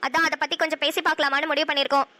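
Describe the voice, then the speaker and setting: A woman's voice: sits high, level tone, very fast, pushed and bright, voice pushed down. A woman voicing a teasing, caring young woman in a cartoon series.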